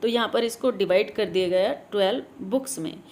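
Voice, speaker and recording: A woman teacher running an exam revision class on literary terms, mixing Hindi and English, reading English definitions slowly and often adding "guys". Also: medium pitch, darkish tone, a little hiss or hum. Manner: often adds "guys" and "theek hai".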